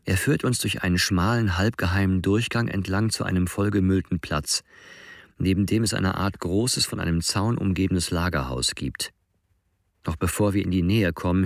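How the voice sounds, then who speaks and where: A man narrating a first-person story in a measured audiobook reading. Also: low voice, no room sound, studio quality.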